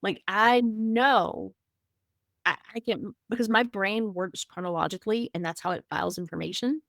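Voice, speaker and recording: A woman's voice: mid-range voice, normal speed, gravelly, a bit bright, no echo, studio quality. Candid woman telling her grief story. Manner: candid, emotional, many restarts and fillers. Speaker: podcast guest sharing her grief story. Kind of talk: casual conversational storytelling.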